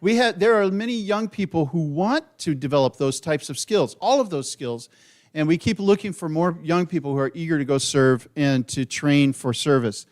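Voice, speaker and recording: A man's voice: on the high side, normal speed, a little mellow. A man leading a student mission program, speaking earnestly to a church congregation. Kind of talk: church presentation.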